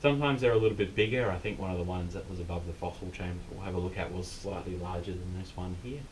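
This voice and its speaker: Deep-voiced Australian cave guide, male, distant mic. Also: steady tone, fast. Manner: informal, unscripted explaining. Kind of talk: casual explanatory tour talk. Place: inside a limestone cave. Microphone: distant camera mic. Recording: distant mic, noisy rumbling cave tour.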